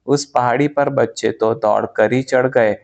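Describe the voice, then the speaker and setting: A man narrates a spiritual memoir as an audiobook, and his delivery is slow, calm and measured. His voice sits in an ordinary middle range. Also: mid-range voice, creaky.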